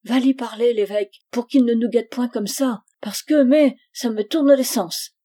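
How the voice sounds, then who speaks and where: A woman voicing a timid fisherman's wife who turns loud and sharp when frightened. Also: on the high side, moderate pace, pitched above the performer's own voice, close to an everyday voice. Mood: pleading. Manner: loud, agitated country speech. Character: fearful fisherman's wife, fierce when scared.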